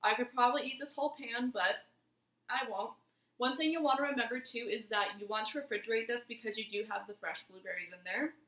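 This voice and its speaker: This woman's voice is a little high, a little fast, and pushed and bright. She's a cooking vlogger in her twenties, relaxed and talkative as she steps viewers through a casual demo in her home kitchen, with the room echoing noticeably.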